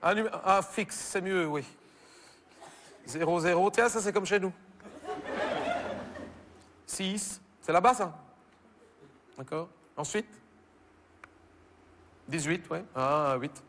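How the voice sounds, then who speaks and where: A Belgian French comedian on stage, doing one side of a phone call, stammering and bemused. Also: male voice, sits high, slow pace, pauses often, a bit bright, big-room sound, a little hiss or hum. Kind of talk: stand-up phone sketch. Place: theater stage with audience.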